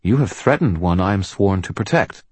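A steely woman cop , voiced by a man, answering a giant's threats in firm, clipped, raised tones. The voice is lifted well above his husky register and sounds close and dry. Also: low voice, expressive, moderate pace, a little mellow, dry recording, pitched above the performer's own voice. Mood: defiant. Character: tough, steely woman police officer. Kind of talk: audiobook character voice.

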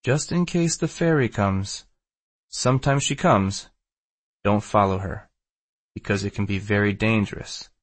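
A man voicing an earnest, cautioning shaman's apprentice with a Maltese accent and halting delivery in an audiobook. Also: lowish voice, no echo. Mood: earnest warning. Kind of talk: audiobook character dialogue.

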